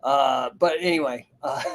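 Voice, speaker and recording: A man's voice: a little high, fairly bright tone. A man in his fifties hosting a live stream, chatting casually and rambling as he reads out viewer names and comments. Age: 50s. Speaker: host and business coach. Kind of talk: casual livestream talk.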